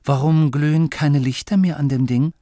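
A man voicing a stern, bossy young female gnome in an audiobook, with a sharp, commanding, scolding way of talking. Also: on the high side, steady tone, normal speed, no room sound, clean studio sound, voice pushed up, close to an everyday voice. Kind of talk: audiobook character voice.

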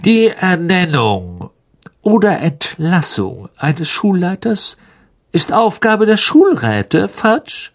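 A man's voice: on the high side, animated, unhurried, gravelly, pitched above the performer's own voice, heavily acted. A man voicing a cold, scornful aristocrat who mocks with drawling politeness in an audiobook reading. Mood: sneering.

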